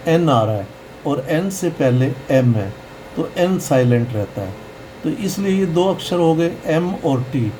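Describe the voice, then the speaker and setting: A man teaching pronunciation in a slow, explanatory lesson, patiently repeating each sound. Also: on the high side, darkish tone, a little hiss or hum, poor audio.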